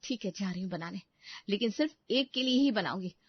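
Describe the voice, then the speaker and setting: A woman voicing an overworked young wife in an animated family story, complaining and sarcastic. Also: medium pitch, a little fast, husky, dry recording. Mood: indignant. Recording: dry, slightly dull studio recording.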